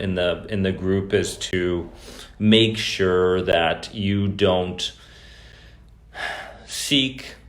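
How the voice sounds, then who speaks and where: Low-voiced man chatting on a live stream. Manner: loose and conversational, greets viewers by name. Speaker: host of an anxiety recovery live stream. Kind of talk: casual live-stream talk to viewers. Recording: echoey room.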